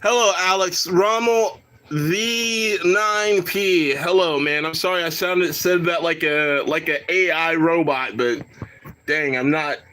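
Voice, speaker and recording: A man's voice: fairly high pitch, fairly even intonation, unhurried, bright, forceful tone. A man giving casual, rambling reaction commentary on a live stream, swearing, laughing and talking to his chat.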